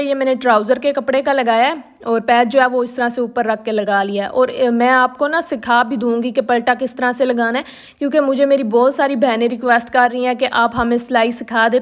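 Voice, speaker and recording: Young woman vlogger from Pakistan, high voice, chatty and confiding, home vlog narration. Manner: chatty, confiding, repeats herself often.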